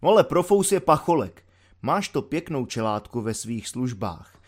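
A man's voice: medium pitch, very animated. A man voicing a bitter, mocking young army volunteer locked in a cell, ranting sarcastically. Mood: sarcastic. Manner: sarcastic ranting, spits out insults. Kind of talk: audiobook character voice.

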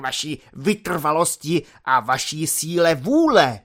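A man putting on a bellowing pompous army lieutenant. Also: on the high side. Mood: grandiose ranting. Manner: shouting speechifying, grandiose.

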